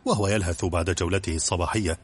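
A man reads an audiobook in a very deep, husky voice. He narrates fast and briskly, steady and even.

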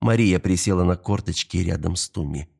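A man's voice: sits low, a little fast, vocal fry, darkish tone, breathy edge. A man narrating an audiobook in a dramatic, tense scripted reading.

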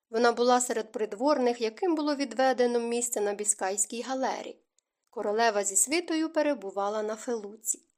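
A woman narrating a historical romance audiobook in a smooth, even storytelling manner. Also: a little high. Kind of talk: scripted narration.

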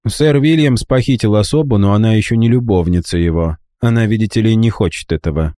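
A man's voice: lowish voice, a little fast, warm tone, dry recording, studio quality, lightly acted. A man playing a cocky street boy. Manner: cocky, mocking, coolly calculating. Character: cheeky cold-blooded street boy, young trickster.

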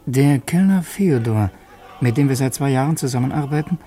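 A male actor in a radio play voices a young revolutionary student narrating in the first person, earnest and tense. His mid-range, dark-toned voice is animated, at a moderate pace, and close to everyday speech.

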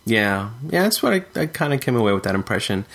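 A man's voice: lowish voice, big pitch swings, fast talker, a bit bright. A man co-hosting a casual podcast chat, talking thoughtfully with frequent fillers and restarts. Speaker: podcast co-host discussing retro games.

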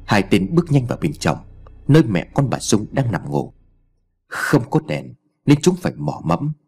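A man narrating an audiobook story in an expressive storytelling manner. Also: lowish voice, moderate pace, husky, soft background music.

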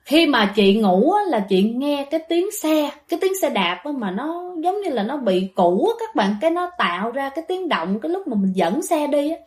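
A woman's voice: high-pitched, big pitch swings, normal speed, hardly any pauses, a little mellow. A woman telling ghost stories in a chatty way, often addressing her listeners directly. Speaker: ghost story narrator. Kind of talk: storytelling to listeners.

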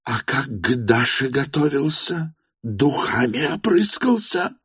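A man doing a shrill, imperious noblewoman. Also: sing-song, takes it slowly, a bit bright, husky, no echo, studio quality, exaggerated voice. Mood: bitter, accusing. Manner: shrill, commanding, frantic. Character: imperious agitated older noblewoman. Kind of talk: audiobook character voice.

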